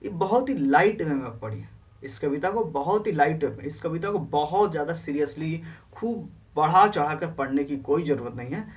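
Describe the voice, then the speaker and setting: A woman's voice: sits low, lively intonation, distant mic. Woman teacher, online class, recorded a little off-mic. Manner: reads English text slowly, then explains and repeats in Hindi. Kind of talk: online exam-prep class lecture.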